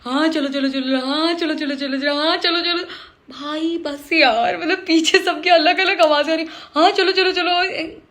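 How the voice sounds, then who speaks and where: High-voiced woman reviewing a show. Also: fairly bright tone. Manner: emotional, switches between Hindi and English mid-sentence; dramatic, repeats herself for emphasis. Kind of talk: casual reaction review.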